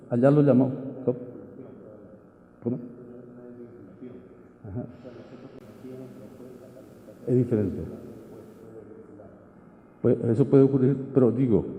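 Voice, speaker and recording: A man's voice: medium pitch, mellow, lo-fi sound. A man, a judge from Paraguay, giving an unscripted legal lecture at a conference, thinking aloud with frequent filler sounds. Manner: halting, many filler sounds, reasoning aloud. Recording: echoey hall.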